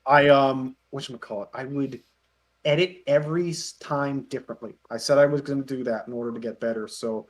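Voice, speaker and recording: A parody web video creator and editor, appearing as an interview guest, chats in an animated, casual way, rambling and acting out imagined lines to explain himself. His voice is medium-pitched and brisk, with fairly even intonation.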